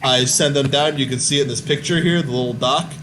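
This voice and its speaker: A man's voice: mid-range voice, fast, noisy background. A young man in casual gaming chat, rambling with many fillers and restarts. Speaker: podcast host.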